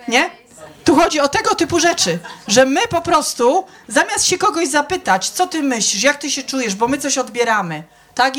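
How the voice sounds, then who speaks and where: A woman's voice: high-pitched, fairly bright tone. A middle-aged woman giving an informal sermon, chatty and conversational, often asking the audience if they follow and acting out the people she quotes. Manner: conversational, keeps checking with the audience; acts out quoted people with shifts in voice. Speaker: church speaker.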